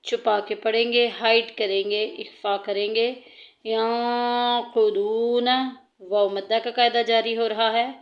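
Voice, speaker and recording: A woman teaching tajweed, patiently explaining each rule step by step between slow recited verses. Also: a little high, little pitch movement, highs cut off.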